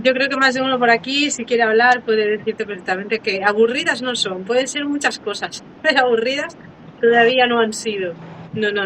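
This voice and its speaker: A woman hosting a live online interview, chatty and playful and quick to laugh. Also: mid-range voice, fairly bright tone, slight background noise, low-quality recording. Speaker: interviewer and live stream host. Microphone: phone, live video stream.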